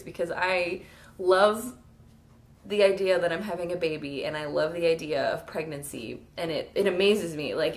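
A woman vlogging casually with a hoarse, fading voice, chatty and self-mocking and laughing often. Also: sits low. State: hoarse, losing her voice. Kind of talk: casual pregnancy vlog.

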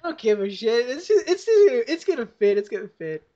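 A young woman with a high voice tells a long, rambling story, swearing freely and laughing as she goes. She is heard over a voice call, and the sound is dull and lo-fi. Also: big pitch swings, moderate pace, warm tone. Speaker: podcast host. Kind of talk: casual chat over a voice call. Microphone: voice call headset or computer mic.

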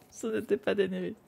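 A woman's voice: medium pitch, creaky, a little mellow, husky. Chatty young French-speaking woman streamer. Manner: chatty, laughs often, mutters to herself while drawing. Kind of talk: casual live-stream chat while drawing.

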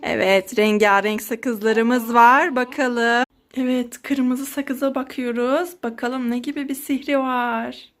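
A woman's voice: a little high, steady tone, takes it slowly. A woman in her thirties, a mother filming a playful family skit vlog, fussing and exclaiming dramatically.

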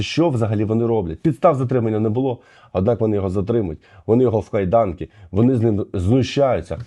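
Чоловік-коментатор обурено розбирає відео, посилаючись на закон. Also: male voice, medium pitch, mellow. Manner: indignant legal argument. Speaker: commentator. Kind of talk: commentary over video.

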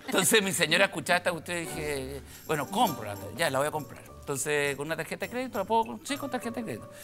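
Animated Chilean man telling a funny story. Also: fairly high pitch, fast, music in the background. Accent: Chilean Spanish. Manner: animated, acts out dialogue and sound effects. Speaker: comedian guest. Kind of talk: comic anecdote storytelling. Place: TV studio.

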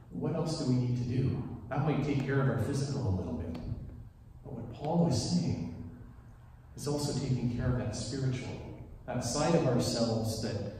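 A French-speaking Swiss worship leader in his forties delivers a relaxed, conversational sermon, telling stories and tossing in chatty asides. His voice is mid-range, and he uses a handheld mic in a large wood-panelled church sanctuary. Filmed from far away, the audio is echoey with slight background noise.

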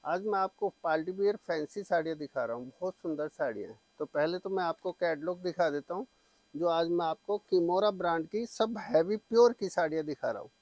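A middle-aged man giving an eager teleshopping-style sales pitch, full of repeated assurances, as he presents products on a lapel mic. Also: fairly quick, darkish tone, no room sound, low-quality recording. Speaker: saree shop seller and presenter. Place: small saree shop, indoors. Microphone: clip-on lapel mic.

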